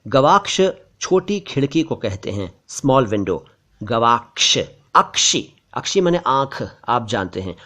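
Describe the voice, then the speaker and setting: A middle-aged man giving a pronunciation lesson, saying each word slowly and carefully and repeating it to correct common mistakes. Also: mid-range voice, a bit bright. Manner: slow, careful, repeats words to correct them. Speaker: language teacher.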